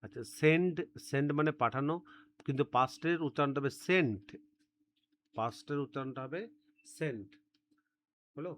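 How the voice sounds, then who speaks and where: A man's voice: mid-range voice, fast talker, slight background noise. A male teacher giving a step-by-step grammar lesson, repeating words and spellings so students can drill them. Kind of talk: classroom-style grammar lesson.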